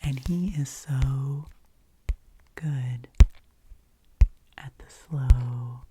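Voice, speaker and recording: Woman, ASMR finger-tapping ramble, close-up whisper, very low, soft and intimate, noisy recording with clicks. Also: extremely slow. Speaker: ASMR channel creator and host. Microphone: very close microphone with cover off.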